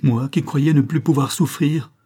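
A man's voice: mid-range voice, fairly even intonation, moderate pace, dark tone, husky, natural voice. A man voicing an anguished, feverish, proud young man with strained, clipped outbursts.

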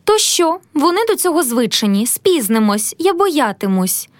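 Woman doing a spoiled young lady, shrill and indignant, high and swooping, storybook. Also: big pitch swings, normal speed, dry recording, studio quality.

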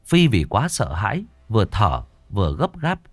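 Man, ghost story narrator, very lively pitch, dry close sound. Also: moderate pace, no room sound. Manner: tense, expressive telling.

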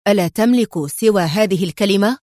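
A woman's voice: on the low side, expressive, fairly quick, dry recording, clean studio sound, lightly acted. A woman voicing a bold male hero who answers with mocking defiance. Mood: defiant mocking.

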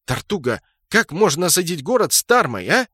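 A man playing a brash, loud male clan leader warrior who gets excitable and pushy. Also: high-pitched, brisk, husky, no echo, clean studio sound, voice pushed up, heavily acted.

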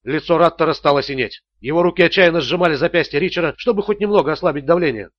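A man narrating a thriller audiobook in a steady, measured way. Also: on the high side, no room sound, lo-fi sound.

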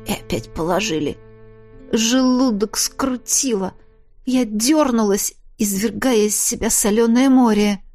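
A woman reading a first-person audiobook in a measured, expressive storytelling manner. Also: mid-range voice. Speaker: audiobook narrator.

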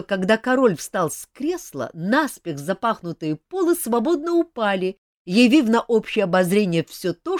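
A woman narrating an audiobook with an expressive, wry storytelling manner. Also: on the high side, dry recording, clean studio sound.

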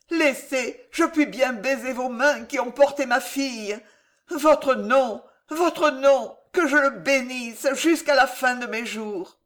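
A woman's voice: high voice, fairly bright tone, voice pushed up, exaggerated voice. A reader voicing a fervent, grief-stricken noble mother in a storybook reading, pleading and insistent.

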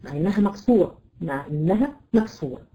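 A woman's voice: on the low side, animated, warm tone. Egyptian woman teaching tajweed, lo-fi. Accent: Egyptian Arabic. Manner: patient, repeats letters slowly to demonstrate; addresses students by name, checks understanding. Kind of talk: live online Quran recitation lesson.

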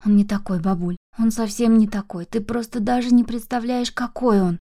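A woman's voice: fairly high pitch, fairly even intonation, normal speed, mellow, natural voice. A woman voicing a tearful young woman pleading with her grandmother about the man she loves. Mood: tender, resolute.

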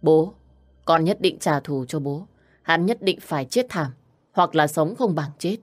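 A woman's voice: deep voice, animated, measured pace, soft background music. Tô Đu Ca, a woman voicing a vengeful young man. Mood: bitter. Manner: bitter, vowing revenge.

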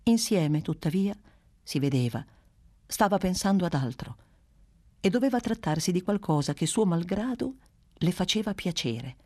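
A reader giving a measured, expressive literary narration. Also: mid-range voice. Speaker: audiobook reader.

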